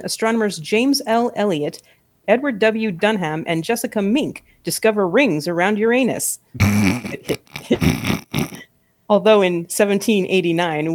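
A female podcast co-host reads out history facts in turn. She tosses in dry, wry remarks between items. Her pitch rises and falls widely as she reads. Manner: wry quips after facts. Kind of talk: reading trivia on a podcast.

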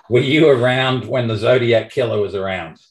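A man's voice: mid-range voice, moderate pace, reverberant, far from the mic, rough recording. A man with an Australian accent, a golf coach hosting a podcast, explaining things in a confident manner. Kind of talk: casual interview chat.

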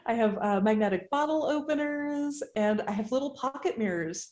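A woman's voice: fairly high pitch, animated, moderate pace, darkish tone. A woman chatting casually as a podcast guest, with a self-deprecating, joking way of talking, recorded in an echoey indoor space. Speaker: guest artist. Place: indoors in an artisan shop space. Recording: echoey room.

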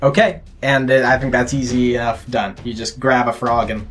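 A man's voice: medium pitch, steady tone, moderate pace, loud music behind the voice. A man running a tabletop game as game master, narrating descriptively and with animation.

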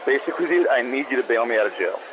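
A man's voice: medium pitch, animated, racing. A man calling from a jail payphone in a comedy skit, rambling, pleading and swearing as he begs for help. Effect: payphone call from jail. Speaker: podcast co-host in a phone skit. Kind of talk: comedy skit phone call. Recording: muffled phone line with loud noise.

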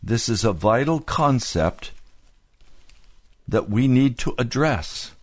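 A man preaching a sermon as a pastor. He tells the story slowly and deliberately, pausing to explain each point. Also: mid-range voice, animated, no room sound.

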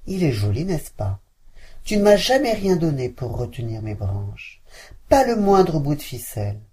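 A vain birch tree from a fairy tale, smug about its gift, as a woman reads it. The voice sits low and husky, only slightly lifted. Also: very animated, a little slow, dark tone, full character voice.

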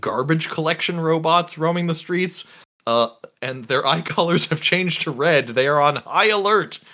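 Man narrating as game master. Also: a little high. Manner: relaxed, halting narration with fillers and restarts.

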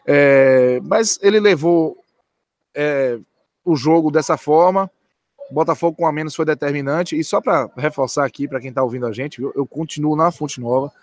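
A man's voice: fairly high pitch, moderate pace, no echo, clean studio sound. Emphatic man analyzing a football match. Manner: emphatic, repeats key words. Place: football stadium stands.

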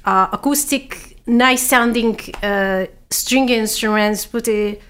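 A woman's voice: fairly high pitch, slow, a bit bright. Hungarian-accented woman, interview guest. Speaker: guest, cellist and cello teacher. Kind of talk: casual interview chat. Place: living room.

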